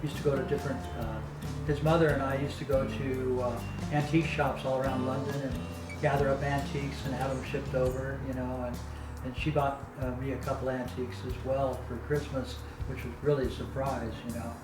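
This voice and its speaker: A man's voice: medium pitch, level tone, fairly quick, over loud music. An older man telling easygoing, rambling stories about his past. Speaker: meal recipient, motorcyclist. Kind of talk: casual chat. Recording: distant, roomy mic pickup.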